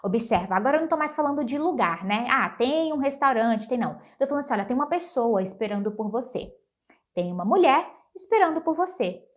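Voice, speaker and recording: A woman teaching English in a casual video lesson, animated and chatty, who slows right down for her English example sentences and speeds up for her explanations. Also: on the high side. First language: Portuguese.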